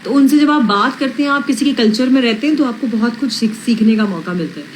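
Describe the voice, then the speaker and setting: A woman's voice: a little high, quick pace, slight background noise, low-quality recording. A young woman with a slight British accent, chatting casually on a livestream as a reality show contestant, frank and self-assured, dropping English phrases into her talk. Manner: mixes English phrases into speech.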